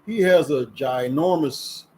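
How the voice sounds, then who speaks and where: Slow and slightly rough, with a darkish mid-range tone, a man in his fifties hosts a laid-back sports talk vlog. He's chatty and folksy, leaning into words for emphasis, recorded on a camera with a ring light.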